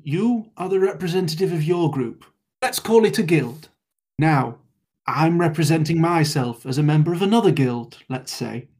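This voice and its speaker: Tabletop player, calm, steady, in-character talk. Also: medium pitch. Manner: calm, measured, quietly menacing in character. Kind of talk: in-character tabletop role-play.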